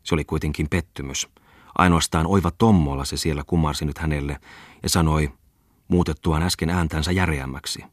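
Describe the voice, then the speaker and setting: A man narrating a classic novel as an audiobook in a measured, even way. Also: a bass voice, dry recording, studio quality.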